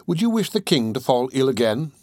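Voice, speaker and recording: A man's voice: medium pitch, very animated, brisk, darkish tone, dry recording, close to an everyday voice. Brief: solemn middle-aged male merchant, voiced by a man, dry read. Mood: stern. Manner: grave, reproving. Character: tall grave middle-aged male furrier.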